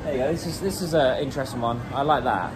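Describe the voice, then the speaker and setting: A man's voice: mid-range voice, quick pace. Chatty Englishman vlogging in a noisy market. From England. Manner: chatty, rambling, laughs often. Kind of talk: casual walking vlog. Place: busy indoor food market. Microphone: phone at arm's length. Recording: noisy crowded market ambience. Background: crowd chatter and market noise.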